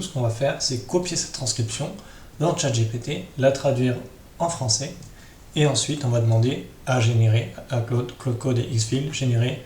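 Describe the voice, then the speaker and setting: Thinking aloud as he improvises, the host of a casual screen tutorial keeps adding tag questions. He has a medium-pitched, darkish voice, recorded with roomy echo and faint background noise.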